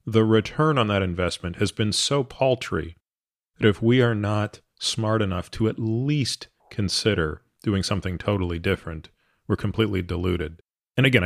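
A man with a very low, deep voice hosts a podcast in a dry, close-miked sound with no room echo. He asks long, discursive questions, hedging his phrasing as he thinks aloud. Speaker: podcast host. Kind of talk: long-form podcast interview.

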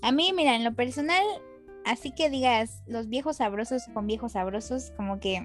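A woman's voice: on the high side, normal speed, soft background music. A young adult woman with a Mexican accent, co-hosting a casual comedic chat with slangy, wry, self-deprecating humor. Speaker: podcast co-host.

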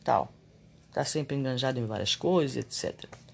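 A man reflects on spirituality and daily life in a confessional monologue, growing animated when irritated. His medium-pitched voice is creaky and slightly rough, at a moderate pace.

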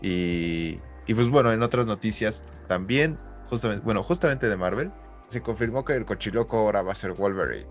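A Mexican man with a lowish voice co-hosts a podcast at normal speed, keeping the conversation casual, slangy, and full of jokes, with faint music in the background.

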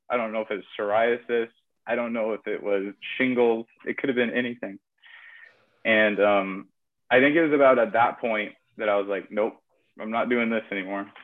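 A man's voice: mid-range voice, steady tone, fairly quick. Young man rambling with tinny sound. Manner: rambling, lots of fillers and 'like'. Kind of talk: casual storytelling chat. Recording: tinny phone-like audio.

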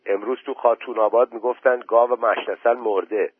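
A man's voice: mid-range voice, fairly even intonation, breathy edge, no room sound, lightly acted. A man voicing an eager scavenging village man who passes on rumors in a matter-of-fact way. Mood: plotting. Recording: tinny phone-like recording.

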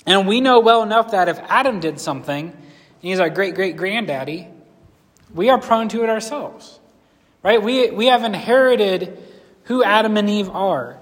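A man's voice: high-pitched, animated, moderate pace, big-room sound. A man preaching a sermon in a conversational, earnest way, with a slight lisp from a sore lip. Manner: conversational, earnest, asks the congregation questions. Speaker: pastor.

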